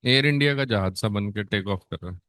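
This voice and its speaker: A man with an Indian accent teaching an exam-prep nursing class in Hindi mixed with English, quizzing students with questions and drawing out key terms slowly for emphasis. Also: fairly low pitch, a bit bright, clear, resonant tone, no room sound, clean studio sound. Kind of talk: online exam-prep lecture.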